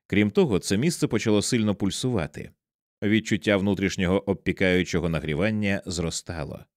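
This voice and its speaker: A man narrates an audiobook in a low, expressive voice. His pitch rises and falls widely as he builds tension, and the recording is dry and close, with no room sound. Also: no room sound. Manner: measured, dramatic storytelling with wide swings in pitch. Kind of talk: audiobook reading of a horror novel.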